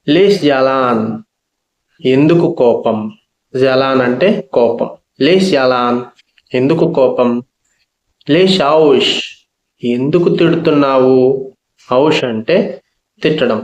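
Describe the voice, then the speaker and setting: A man's voice: mid-range voice, slow, long pauses, reverberant, lo-fi sound. A man teaching a spoken language lesson, patiently repeating each phrase and its meaning.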